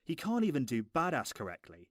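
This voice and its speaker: A man's voice: mid-range voice, wildly swooping pitch, brisk, no echo, faint music behind. A man narrating a scripted film review in a mocking, exasperated, sweary way.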